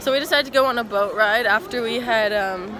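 A woman's voice: on the high side, brisk, a crowd in the background, poor audio. A young woman from Utah, chatting casually and bubbly on a travel vlog while out in a city. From Utah, United States. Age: young adult. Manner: bubbly, chatty, says literally often. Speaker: vlogger, college basketball player. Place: outdoors in a city and on a paddle boat.

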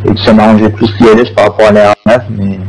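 A man's voice: on the low side, level tone, fast talker, a little mellow, soft background music, low-quality recording. A man speaking as an airline pilot, talking to the tower over a pilot headset radio. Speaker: airline pilot in online flight simulation. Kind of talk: radio phraseology exchange.

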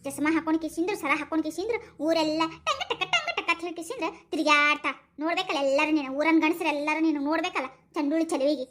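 A woman with a North Karnataka Kannada accent voicing a stern village matron who scolds loudly and gruffly in a comedy skit. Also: high voice, fast talker, few pauses, pitched below the performer's own voice. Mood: scolding.

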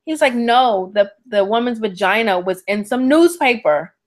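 A woman's voice: fairly high pitch, normal speed. A woman co-hosting a podcast, chatting casually and backing her partner with frequent agreement. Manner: relaxed, backchannels with frequent mm-hmms. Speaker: podcast co-host. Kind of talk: casual chat.

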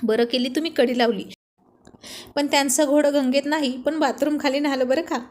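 Woman playing a sharp-tongued young wife. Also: high voice, fairly even intonation, a little fast, close to an everyday voice. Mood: bantering. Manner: bantering, mock-scolding.

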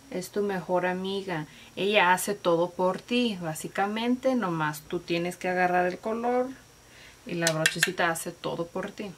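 Slow-talking woman, makeup vlog. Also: on the low side, poor audio. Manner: slangy, mixes English words, chatty and playful. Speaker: makeup tutorial host. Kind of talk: casual makeup tutorial. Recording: faint hiss.

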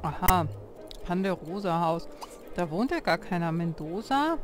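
A woman commentates her gameplay in a relaxed, unhurried way, chatting to the characters on screen and reading options aloud as she goes. Clear game music plays under her voice the whole time. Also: on the low side. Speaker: let's play host.

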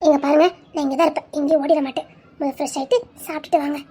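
A woman's voice: sits high, fairly even intonation, rapid-fire, dark tone. A woman voicing a shy young wife in a drama, hesitant and stammering.

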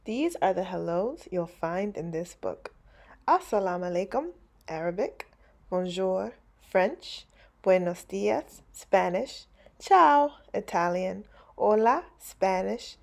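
A woman reading a children's picture book aloud, switching into high little voices for the greetings. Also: lively intonation, takes it slowly, gravelly, a little mellow.

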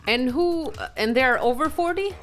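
A woman's voice: sits high, moderate pace, faint music behind. A woman chatting casually on a podcast, asking curious questions and laughing along. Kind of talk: casual chat.

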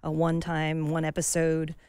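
A woman's voice: low-pitched, fairly quick, clear, resonant tone, dry recording. Chatty woman voice actor, dry sound. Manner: chatty, animated, full of restarts. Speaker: voice actor guest. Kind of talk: casual interview chat.

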